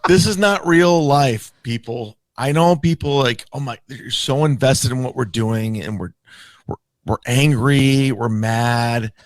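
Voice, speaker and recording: Man, drunk, slurred rambling, slow pace, dry close sound, livestream monologue. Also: medium pitch, no room sound. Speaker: podcaster.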